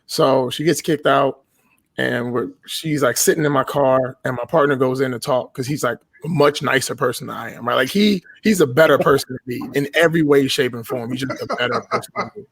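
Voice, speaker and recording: A man's voice: medium pitch, a little fast, dry recording. A man in his thirties, a podcast guest, telling casual stories in a blunt, profane way and often laughing as he talks. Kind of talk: casual storytelling.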